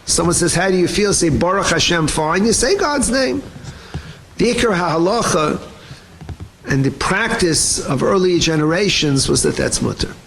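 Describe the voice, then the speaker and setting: Brief: male rabbi giving a class, high and very expressive voice, light noise underneath. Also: moderate pace, low-quality recording. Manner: animated, acts out quoted voices, mixes Hebrew terms into English. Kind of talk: lively Torah shiur.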